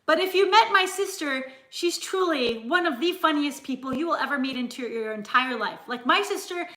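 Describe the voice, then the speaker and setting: A woman hosting a casual live-stream chat, frank and chatty and quick to laugh, talking from home. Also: high voice, lively intonation, bright, forceful tone. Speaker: cooking channel host. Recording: roomy echo.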